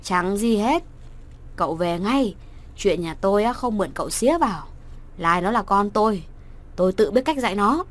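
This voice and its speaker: A woman voicing an angry middle-aged father who shouts threats. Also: fairly high pitch, animated, moderate pace, hardly any pauses, lightly acted. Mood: stern.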